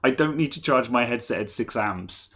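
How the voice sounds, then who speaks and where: A man's voice: medium pitch, expressive, moderate pace, a bit bright. A man co-hosting a casual tech chat, rambling, restarting sentences and laughing often. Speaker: podcast co-host.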